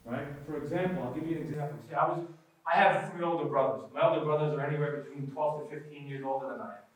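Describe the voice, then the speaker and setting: A man's voice: fairly high pitch, steady tone, quick pace. A man presenting a live workshop in a conversational way, often checking in with his audience. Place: workshop room. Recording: very echoey room, from a distance.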